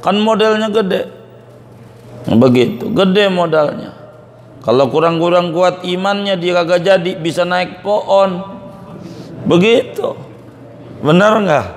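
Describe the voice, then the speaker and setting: A man's voice: sits high, takes it slowly, long pauses. A man with a Betawi Jakarta accent teaching a religious study lecture, making folksy jokes to the audience. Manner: folksy joking asides to the audience. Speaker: Islamic teacher. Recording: echoey hall with faint room noise.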